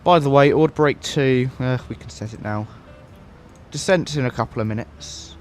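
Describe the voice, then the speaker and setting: A man chatting casually on a flight sim livestream, relaxed and laughing often, speaking into a headset mic. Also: medium pitch, normal speed, faint music behind. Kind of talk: casual livestream chat while flying. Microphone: headset microphone.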